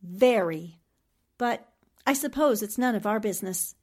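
A woman's voice: mid-range voice, lively intonation, unhurried. A woman playing a poised, shrewd newspaperwoman sleuth with a polished, arch manner, in 1940s radio drama style. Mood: curious. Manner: polished, arch, teasing endearments.

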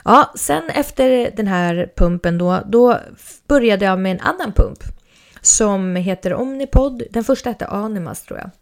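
A woman's voice: medium pitch, animated. A young adult woman chatting casually about her own experiences, rambling with fillers and restarts. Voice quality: creaky. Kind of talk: casual personal storytelling.

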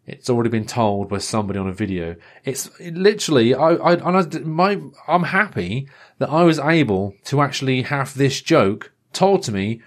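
Man, mid-pitched, casual podcast monologue, rambling and self-deprecating. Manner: rambling, self-deprecating, frequent fillers and restarts.

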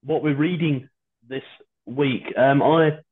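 A low-quality stream carries the thin, narrow voice of a British man. He hosts a podcast in a loose, chatty way, hesitating and rambling with dry humour. It sounds like a video call made from home without a proper microphone. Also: slow, husky. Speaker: podcast host. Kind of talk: casual chat. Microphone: video call without his usual microphone.

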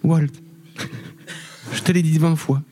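A man's voice: on the high side, fairly even intonation, slow, mellow, a little hiss or hum. A man reading the part of a worried wife pleading with her husband.

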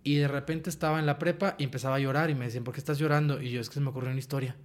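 A young man with a Mexican Spanish accent, a guest writer and actor telling stories in a casual interview, animated and often laughing. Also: mid-range voice, very fast.

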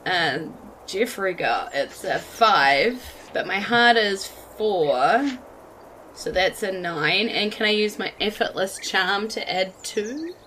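A woman's voice: medium pitch, lively intonation, slow, bright, forceful tone, slight background noise. A woman playing in a tabletop game, describing her character's moves in a casual, giggly, hesitant way. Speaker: player.

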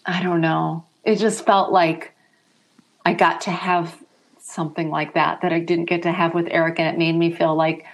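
A middle-aged woman speaking softly and reflectively as an interview guest, emotional as she talks. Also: on the low side, level tone, moderate pace. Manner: soft-spoken, reflective, emotional.

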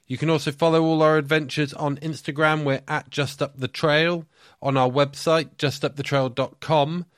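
A man's voice: a little high, little pitch movement, normal speed, dry recording, clean studio sound. A man hosting a casual podcast interview, chatty and joking, appealing to listeners and asking questions. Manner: chatty, conversational, self-deprecating jokes. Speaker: podcast host.

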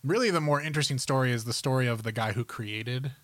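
A man with a mid-range voice co-hosts a podcast, talking fast and casually as he rambles informally about films and games. The recording has no echo.

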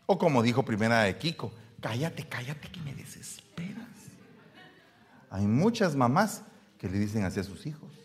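A male pastor preaching a sermon, swinging from hushed asides to loud, humorous appeals to the congregation. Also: medium pitch, breathy edge.

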